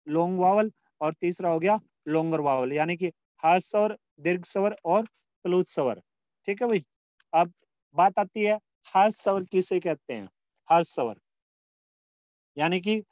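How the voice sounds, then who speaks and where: High-pitched and darkish in tone, in a dry recording, a male Hindi grammar teacher leads a school lesson. He poses questions and answers them himself, drawing out vowel sounds as examples, repeating phrases and often restarting.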